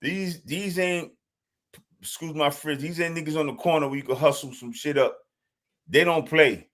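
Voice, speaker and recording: A man co-hosting a casual podcast chat, excitable and loud, full of street slang. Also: a little high, moderate pace. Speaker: podcast co-host.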